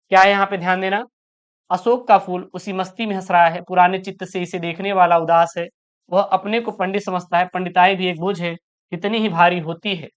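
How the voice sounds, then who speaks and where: In a muffled recording, a woman with a low-side, clear and resonant voice teaches exam prep online. She refers to her students as "beta," reading each question, often repeating it, then answering it in a quick, explanatory way.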